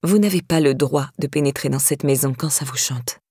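A withdrawn, grieving young woman with a raspy, tired voice, as a woman reading the story puts her on. She speaks curtly, with quiet irritation, pitched well below the reader's own voice. The recording is close and dry. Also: moderate pace, no room sound. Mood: cold. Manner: curt, irritated.

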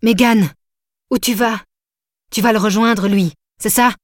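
A woman's voice: on the high side, steady tone, unhurried, no echo, studio quality, natural voice. A woman reading the lines of a hurt, jealous young man who pleads and whines. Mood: accusing. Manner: pleading, whiny.

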